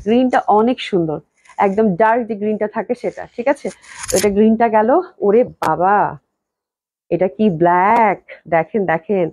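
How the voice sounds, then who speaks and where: A young woman, hoarse from a cold, gushing with repeated praise as she sells clothes on a live stream. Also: mid-range voice, normal speed, darkish tone, dry recording. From Bangladesh. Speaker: online clothing seller.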